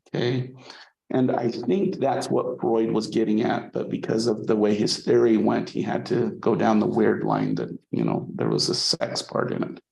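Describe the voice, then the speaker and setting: A man's voice: mid-range voice, gravelly, a little mellow, roomy sound, poor audio. A man teaching a college psychology class in a conversational way, often checking in with the students by asking "okay?". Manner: conversational, frequent "okay?" checks, repeats words when restarting. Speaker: psychology instructor. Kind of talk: college lecture.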